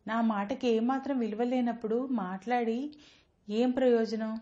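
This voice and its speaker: Audio storybook: a headstrong, wheedling young daughter, read by a woman narrator, higher voice, dull lo-fi sound. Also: steady tone, normal speed, dark tone, natural voice. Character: spirited, stubborn young daughter, a new mother.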